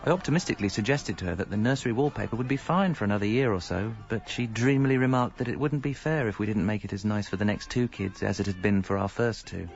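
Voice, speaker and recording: An actor narrates and leads a radio comedy as a hapless, evasive middle-aged English husband and father, wry, confiding and self-deprecating across monologue and dialogue. His voice is fairly low, quick and lightly acted, with few pauses. The audio is slightly dull, with music behind.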